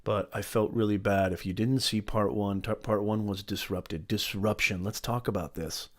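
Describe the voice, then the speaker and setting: A man's voice: on the low side, steady tone, moderate pace. A middle-aged man hosting a motivational live stream, talking emphatically, repeating his points and greeting viewers by name.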